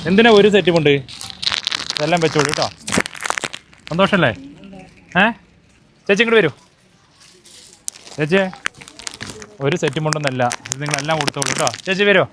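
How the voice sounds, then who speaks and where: A man from Kerala who runs a handloom shop speaks loudly and coaxingly, his voice pitched a little high. He keeps repeating friendly reassurances. The recording is made outdoors with clear street noise behind him. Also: a little fast, pauses often. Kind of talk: casual chat.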